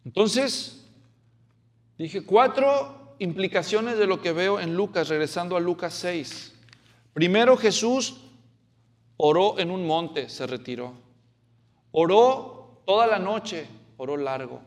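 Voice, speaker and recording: A man preaching an expository sermon. He talks in an animated way, asks the congregation questions and acts out the quotes. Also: sits high, slow.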